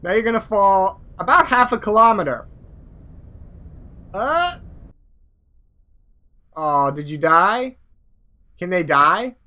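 Let's play host, bright voice, rambling, self-mocking casual commentary. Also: medium pitch, expressive, moderate pace.

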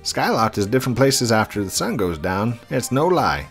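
A man's voice: medium pitch, sing-song, normal speed, soft background music. A man voicing a laid-back, knowing townsman in a video game, with a folksy manner. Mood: friendly. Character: laid-back townsman giving friendly sleep tips.

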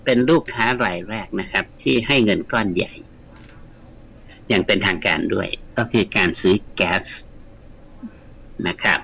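A man's voice: on the low side, normal speed, vocal fry, long pauses, pushed and bright, husky, low-quality recording. A man, a guest scholar, explaining at length in a radio studio interview, chatty and lecturing, with frequent polite particles. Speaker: guest scholar of the Mekong region.

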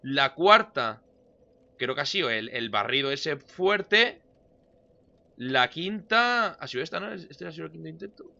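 Young man, let's-play commentator, bright and forceful, lo-fi home mic, jumps from shouts to mumbles. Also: fairly high pitch, measured pace, creaky. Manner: excitable, swings from loud shouts to muttering. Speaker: gameplay commentator.

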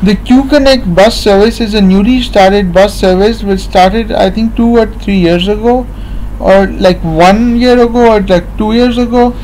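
A man's voice: sits high, a little mellow, slight background noise, poor audio. A man, talking to a webcam at home in a rambling, repetitive way full of fillers. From Pakistan. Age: late 20s. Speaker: vlogger. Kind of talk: casual monologue to camera. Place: small room at home, seated in armchair indoors. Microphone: built-in webcam mic at close range.

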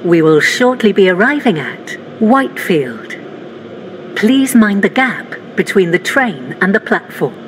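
A woman's voice: medium pitch, very animated, a little slow, a little hiss or hum. A woman's automated on-board train announcements, built from spliced-together recorded words with stilted phrasing.

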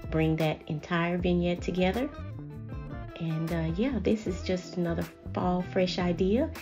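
Low gravelly woman narrating home decor. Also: fairly even intonation, unhurried, lo-fi sound, faint music behind. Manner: gentle, chatty, talks viewers through each step. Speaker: home decor channel host. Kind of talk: voice-over narration of a decorating video.

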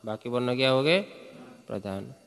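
A man's voice: medium pitch, normal speed, creaky, a bit bright, long reverb tail. A man teaching Sanskrit grammar to a class, chanting verses and quizzing students with frequent questions. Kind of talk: classroom lecture.

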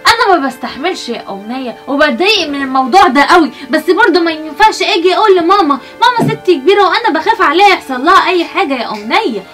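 Actress as a fearful young Egyptian woman; high voice, quick, hushed worry. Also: lively intonation, faint music behind. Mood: worried. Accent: Egyptian Arabic. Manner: soft, anxious, pleading. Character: worried young woman confiding in her friend. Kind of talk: family web drama acting.

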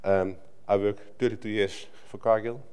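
A man's voice: on the low side, level tone, moderate pace, a little mellow, clear, resonant tone. Middle-aged Dutch man giving a conference talk. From Netherlands. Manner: conversational, with frequent restarts and filler "right?". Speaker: conference speaker. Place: conference hall stage at a lectern. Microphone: lectern microphone.

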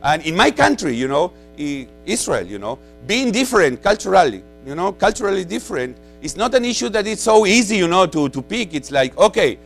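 A man's voice: high voice, big pitch swings, a little fast, hardly any pauses, faint music behind, rough recording. Man with a Spanish accent lecturing. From Peru. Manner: conversational, frequent "you know" fillers, repeats words. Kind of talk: conference lecture.

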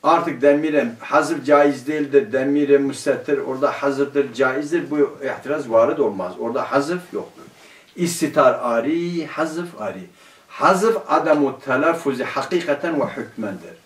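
A male teacher giving a grammar lesson to a class, putting questions to the students and answering them himself, and reading quoted classical phrases slowly. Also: medium pitch. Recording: roomy, distant room mic.

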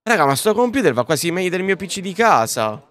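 A man's voice: high-pitched, big pitch swings, quick pace, a bit bright, dry recording. A man livestreaming from a booth at a comics convention, talking casually and directly to his viewers through a podcast-style microphone. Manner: chatty, addresses viewers directly. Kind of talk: casual live-stream chat.

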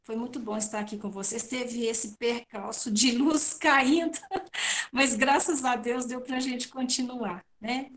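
Over a video call from her home, a middle-aged Brazilian woman explains read passages in a devotional spiritist talk, asking herself questions and then answering them. She uses a wired earphone headset, and her fairly high, fairly bright voice moves at a measured pace.

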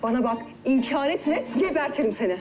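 Here is a jittery young woman in a TV drama. She pleads and accuses in a high, panicky voice. Music plays under her lines. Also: lively intonation, fairly quick. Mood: angry, panicky. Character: frightened, agitated young woman who feels stalked. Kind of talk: TV series acting.

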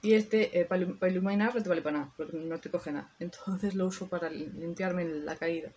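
A woman's voice: lowish voice, fairly quick, darkish tone, a little hiss or hum. A woman talking viewers through a makeup tutorial in a chatty way, thinking aloud as she works. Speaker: beauty vlogger. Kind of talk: casual makeup tutorial chat.

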